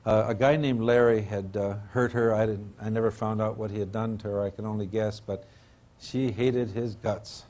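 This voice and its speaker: A man's voice: on the low side, little pitch movement, brisk, few pauses, darkish tone. An older man giving an informal religious lecture in a rambling, professorial manner, trailing into asides and hesitant repetitions.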